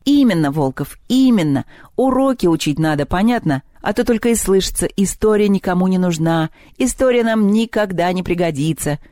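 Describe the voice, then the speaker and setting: Narrator doing a haughty male house spirit, storybook audiobook, scolding, lecturing, mellow tone, dry close recording. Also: mid-range voice, animated, fairly quick, dry recording, natural voice.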